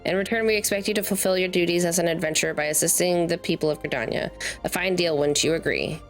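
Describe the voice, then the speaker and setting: Woman reading as Mother Mion, low-voiced formal guildmaster. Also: fast talker, soft background music, lightly acted, poor audio. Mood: welcoming. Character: motherly guildmaster welcoming adventurers, grave and formal. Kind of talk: reading fantasy game dialogue aloud.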